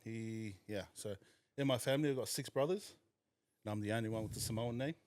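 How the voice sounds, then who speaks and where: A man's voice: fairly low pitch, brisk, darkish tone, a little hiss or hum. A young man from New Zealand, talking candidly and thoughtfully as a podcast guest. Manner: candid, reflective. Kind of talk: casual chat.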